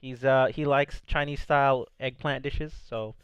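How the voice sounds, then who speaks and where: A man's voice: mid-range voice, fairly even intonation, unhurried, smooth, highs cut off. Upbeat young man hosting a podcast. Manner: upbeat, reads chat messages aloud. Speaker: podcast host. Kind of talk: casual podcast chat.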